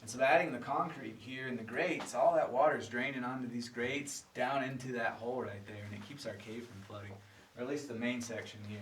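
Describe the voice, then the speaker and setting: Male cave guide, folksy and explanatory, mid-pitched, speaking at a distance in an echoing cave. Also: brisk. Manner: folksy, addresses listeners directly. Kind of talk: informal guided tour talk, explaining. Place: inside a large cave. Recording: echoey cave, distant mic, faint noise.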